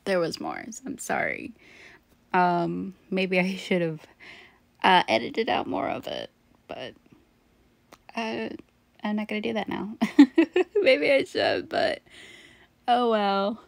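Giggly, rambling woman with a gravelly voice. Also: mid-range voice, sing-song, takes it slowly, pauses often. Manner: rambling, giggly and self-deprecating. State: tired late at night. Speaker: Sims build channel host. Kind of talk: casual voiceover over gameplay.

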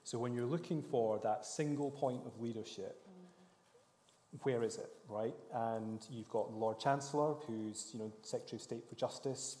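A man on a panel who works as a prosecutor, explaining things in a calm, measured way. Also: mid-range voice. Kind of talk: panel discussion. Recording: roomy hall reverb.

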